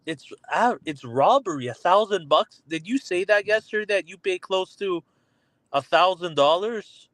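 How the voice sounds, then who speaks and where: Rambling male caller, somewhat high voice. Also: lively intonation, normal speed, a bit bright, dry recording. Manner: rambling, drops "you know" often. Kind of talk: casual call-in chat.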